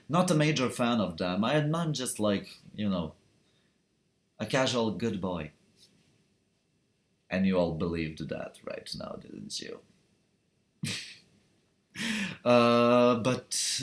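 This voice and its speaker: A young man answers viewer questions on a live stream in a loose, rambling way. His voice sits low and he talks at an unhurried pace. Fillers, restarts and laughter break up his sentences throughout. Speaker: cosplayer hosting a live stream Q&A. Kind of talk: casual live-stream chat.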